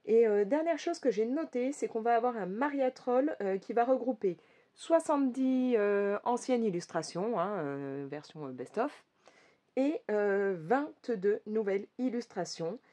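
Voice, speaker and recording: A woman's voice: fairly high pitch, lively intonation, a little slow, dark tone. A woman chatting casually to her viewers about upcoming coloring books, talking loosely with lots of hesitations and self-corrections. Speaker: coloring vlogger.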